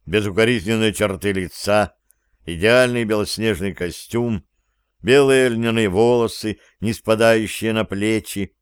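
Male audiobook narrator, smooth resonant voice, dry studio sound. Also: on the low side, measured pace, dry recording. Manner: steady, even storytelling. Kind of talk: scripted fantasy narration.

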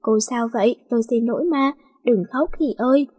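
A woman's voice: on the high side, brisk, slightly rough, dry recording. A woman voicing a young man who teases and then earnestly confesses his love. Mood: coaxing. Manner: gentle coaxing, earnest confession. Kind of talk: storybook reading.

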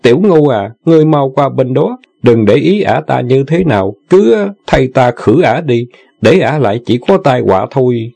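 A man voicing a sharp-tongued young woman warrior who scolds and gives orders, in an audiobook. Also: medium pitch, expressive, normal speed, creaky, slightly rough, voice pushed up. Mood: stern. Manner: scolding, commanding. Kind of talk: audiobook character voice.

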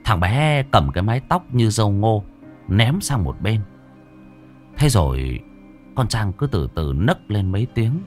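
Man, horror story narration, lively swooping delivery, lowish voice, faint music underneath. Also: a little slow. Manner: vivid, expressive storytelling.

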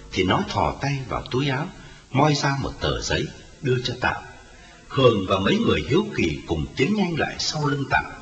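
A man's voice: mid-range voice, recorded from a distance. Dramatic male ghost-story narrator, reverberant. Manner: dramatic, widely varied intonation. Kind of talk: scripted audio story narration. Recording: echoey reverberant audio story with music, slightly dull. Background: music.

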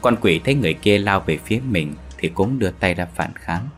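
Deep-voiced man narrating a ghost story. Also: lively intonation, brisk. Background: faint background music.

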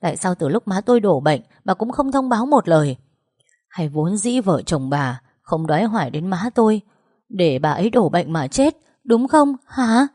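A woman voicing a grief-stricken young wife who shouts sharp, bitter accusations in a storybook reading. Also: lowish voice, big pitch swings, normal speed, no echo, clean studio sound. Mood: furious.

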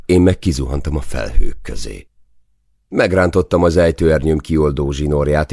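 A man's voice: darkish tone, no echo, studio quality. A man reading a first-person memoir as an audiobook, telling it in a wry, understated way. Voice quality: deep gravelly voice. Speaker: audiobook narrator.

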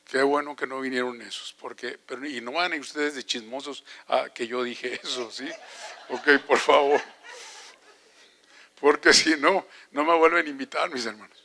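A man's voice: mid-range voice, a little slow, gravelly. An older man preaching a sermon as an evangelist, telling stories animatedly and asking the congregation questions. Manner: animated storytelling with rhetorical questions.

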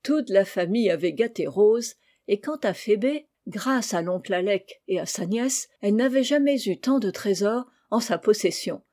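A woman reading a children's novel aloud in a gentle, even storybook style, lightly voicing the characters' lines. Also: mid-range voice, normal speed. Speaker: audiobook reader. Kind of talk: storybook narration.

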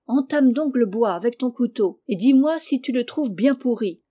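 A woman reading aloud, voicing an excitable, obsessed man who gives urgent orders in a story. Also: on the high side, moderate pace, husky. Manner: urgent, commanding questions. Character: excitable eccentric man, obsessed treasure seeker.

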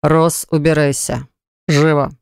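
A man's voice: a little high, flat delivery, takes it slowly, creaky, clean tone, dry recording, studio quality. A reader voicing a cold, commanding male mage lord in an audiobook, speaking in a curt, icy, authoritative way. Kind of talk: audiobook character voice.

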